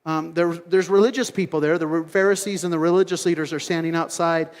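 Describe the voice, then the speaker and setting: A man preaching a sermon as pastor, telling stories in an animated way and acting out other people's voices. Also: fairly high pitch, a little fast, smooth, long reverb tail. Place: church sanctuary.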